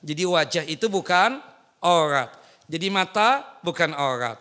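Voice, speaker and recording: A man's voice: fairly high pitch, measured pace, clear, resonant tone. A man, preaching to women and teasing them with questions. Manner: lively, teasing, asks the audience questions. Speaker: Islamic preacher. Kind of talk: sermon to women. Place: mosque.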